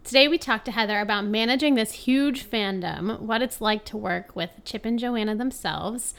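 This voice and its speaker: A woman's voice: mid-range voice, fairly bright tone. A woman co-hosting a podcast, chatting casually and upbeat, with frequent "like" fillers. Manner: chatty, upbeat, uses "like" often. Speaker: podcast co-host.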